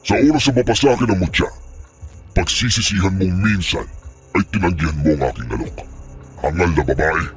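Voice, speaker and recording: Man voicing a deep, taunting aswang overlord. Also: a little fast, faint music behind, natural voice. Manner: taunting, threatening, mocking. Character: menacing male aswang chief, scheming and cruel. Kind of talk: audio drama acting.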